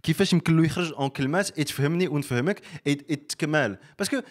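A Moroccan man talks at a breakneck clip in a relaxed podcast chat. His voice sits a touch high. He tells stories animatedly and slips French in as he goes. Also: racing. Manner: animated storytelling, mixing French into his speech. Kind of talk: casual chat.

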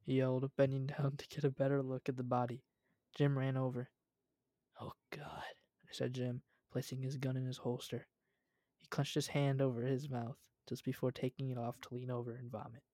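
A man's voice: medium pitch, a little mellow, dry recording, clean studio sound. A young man reading a story aloud at home, casual, with asides.

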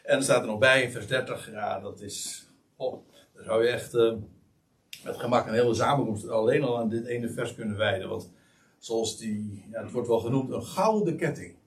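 A man's voice: mid-range voice, moderate pace, recorded from a distance. A man preaching a sermon, explaining a Bible passage with many restarts and fillers, then rising sharply on the words he stresses. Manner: emphatic, rises sharply on key words.

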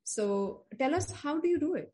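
Woman, podcast host; probing interviewer, voice pitched a bit high. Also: expressive, normal speed, dark tone. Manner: probing, affirming listener. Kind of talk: interview questions.

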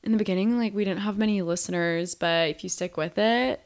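A woman's voice: medium pitch, fairly quick. A woman co-hosting a casual podcast in a nasal, stuffy voice, congested from a cold, gushing and affirming. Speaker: podcast co-host.

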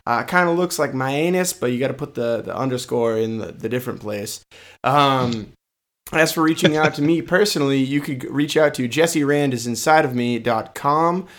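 A man's voice: medium pitch, normal speed, fairly bright tone. A man chatting casually on a podcast, making mock-earnest jokes. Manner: joking, mock-earnest plugging. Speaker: podcast panelist. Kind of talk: casual chat.

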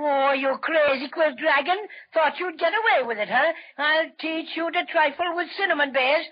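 A woman's voice: high voice, normal speed, natural voice. A woman voicing a brave little male cinnamon teddy bear who talks boldly and blusters, in 1930s radio drama style. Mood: triumphant. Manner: bold, blustery. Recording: dull old radio transcription with light hiss.

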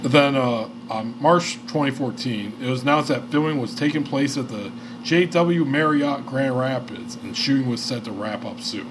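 A podcast host in his thirties from Michigan, United States, tells a story in casual chat, rambling, swearing, and using lots of fillers. His voice is medium-pitched at a moderate pace, with background noise in the recording.

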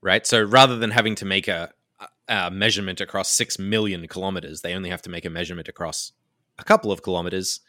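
A man chatting casually on a podcast, explaining things with lots of fillers like "like" and "um," often laughing and picking up energy when excited. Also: low-pitched, quick pace, no room sound, studio quality. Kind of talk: casual chat.

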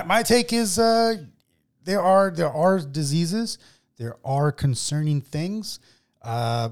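A man hosting a podcast in casual chat, animated, laughing often and swearing casually. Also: mid-range voice. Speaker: podcast host.

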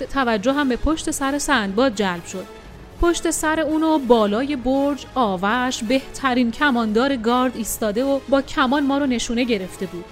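A woman narrating an adventure story in the first person, with expressive, dramatic delivery. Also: high voice. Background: faint music.

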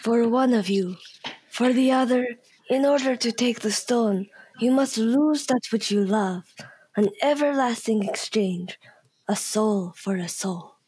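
Casting: woman playing ghostly villain guardian, very breathy, dying rasp, slow, dry close sound. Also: on the high side, dark tone, no room sound, low-quality recording. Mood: ominous, solemn. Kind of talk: amateur script read-through.

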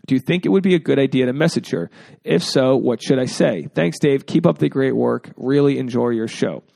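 A man's voice: mid-range voice, fairly quick, gravelly, mellow. A man hosting an advice podcast in a casual, rambling way, with jokey asides. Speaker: podcast host. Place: indoors at home.

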